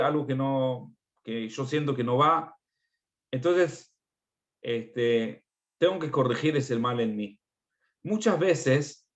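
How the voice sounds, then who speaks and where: Earnest rabbi. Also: male voice, fairly high pitch, lo-fi sound. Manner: earnest and explanatory, often restarts phrases. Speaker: rabbi giving a parenting class. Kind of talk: religious parenting lesson over video call. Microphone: video call.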